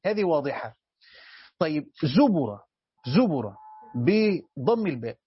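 Speaking with an Egyptian Arabic accent, a sheikh with a husky voice, rather high for a man, teaches Quran commentary, questioning his class as he goes and repeating key phrases for emphasis. The lo-fi recording is dry, a bit dull, and has no room sound.

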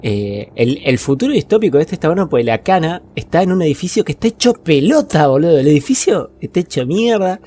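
A man with an Argentine Spanish accent co-hosts a podcast, chatting casually about films in slangy language with plenty of swearing. His fairly high voice is very animated, dark in tone with a breathy edge, and he talks fast with few pauses.

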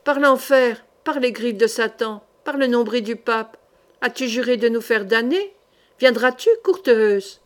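A woman reader voicing a brash, impatient male ruffian who swears and calls out loudly. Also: fairly high pitch, a little slow, natural voice. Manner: loud, blustering swearing.

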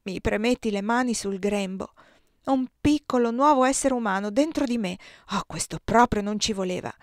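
Woman reader narrating a novel; measured and expressive, with a close, dry sound. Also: medium pitch, dry recording. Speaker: audiobook reader. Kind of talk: scripted audiobook narration.

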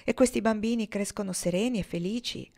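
A steady woman answers quietly and firmly, never rising in tone, read aloud by a woman. The reading keeps a mid-range voice, lowered and softened for her lines. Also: a little fast, creaky, lightly acted. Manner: soft, low, firm delivery. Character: calm, steady adult woman, reassuring.

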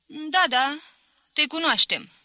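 A woman's voice: high-pitched, expressive, no room sound, voice pushed up, exaggerated voice. Bondoaca, woman reading a shrieking old spinster. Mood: recognizing. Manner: shrieking, shouted insults. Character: furious old spinster woman, shrill and threatening.

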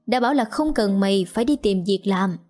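A woman's voice: mid-range voice, animated, a little fast, a little mellow, natural voice. A woman reading as a hot-tempered poor father. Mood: angry. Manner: scolding, harsh.

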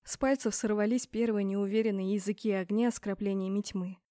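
A woman's voice: medium pitch, fairly even intonation, a little fast, mellow, dry recording, clean studio sound. A woman narrating a first-person fantasy audiobook in a tense, dramatic manner.

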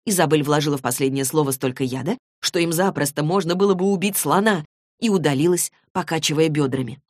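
Low-voiced woman narrating an audiobook. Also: quick pace, darkish tone, no echo, studio quality. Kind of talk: scripted narration.

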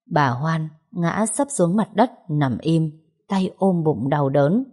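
Low, husky woman storyteller. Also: dark tone. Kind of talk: scripted story narration.

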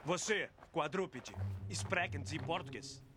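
An actor voicing a brisk cartoon penguin squad leader who gives clipped military orders. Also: male voice, a little high, expressive, noisy background. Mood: commanding.

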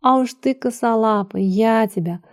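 A woman's voice: fairly high pitch, normal speed, natural voice. A woman voicing an easygoing household maid who chats in an amused way. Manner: chatty, amused.

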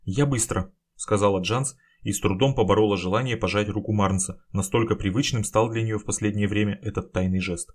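A man narrating a novel in a calm, even storytelling manner. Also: lowish voice, fairly quick, hardly any pauses. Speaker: audiobook narrator. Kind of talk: scripted narration.

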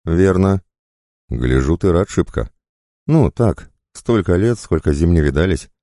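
Wily male rogue, put on by a man, jaunty, mocking, raised pitch, dry. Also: big pitch swings, measured pace, warm tone, no room sound. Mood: jaunty teasing. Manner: jaunty, teasing, fake-cheerful.

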